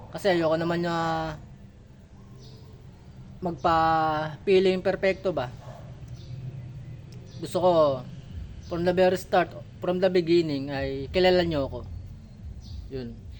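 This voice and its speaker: Filipino guy w missing front teeth doing a casual vlog, slightly high voice, some noise behind him. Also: steady tone, slow pace, long pauses, darkish tone. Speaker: vlogger.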